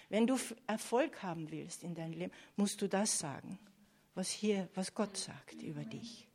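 A woman's voice: medium pitch, a little mellow. A woman preaching a sermon earnestly, often checking in with her listeners. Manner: earnest, with frequent "ja?" and "Amen" asides to listeners.

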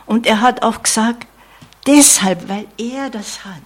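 A woman preacher delivers an earnest sermon slowly and deliberately, often checking in with listeners through small "ja?" asides. Her slightly high voice is breathy and soft-edged, frequently dropping to a near whisper before rising again with emphasis.

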